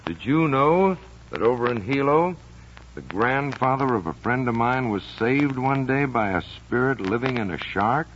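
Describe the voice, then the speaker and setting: A man's voice: mid-range voice, lively intonation, normal speed, a bit bright, natural voice. A man voicing a superstitious male friend who gives earnest, ominous warnings in a dramatized story. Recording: dull vintage recording with faint noise.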